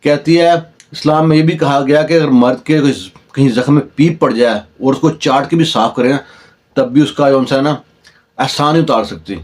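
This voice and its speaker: A man's voice: medium pitch, fairly even intonation, darkish tone. A man with a Pakistani Urdu accent telling a long village story in a conversational way, briefly voicing the people in it. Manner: conversational, acts out dialogue in the telling. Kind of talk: oral storytelling.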